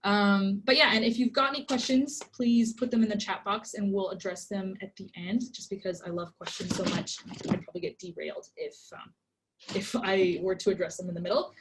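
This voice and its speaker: A woman in her twenties who grew up in Egypt presents an online workshop over a computer mic, against a noisy background. Her mid-range voice holds a steady tone at a slightly fast pace, casual and chatty with many ums and likes.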